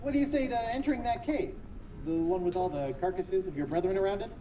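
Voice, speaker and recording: A wry young pirate, muffled underwater. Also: male voice, high voice, fast, recorded from a distance, noisy background. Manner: wry, joking asides. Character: young male wannabe pirate hero, wry and quippy. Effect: muffled underwater voice filter. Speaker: game character. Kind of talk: video game voice acting.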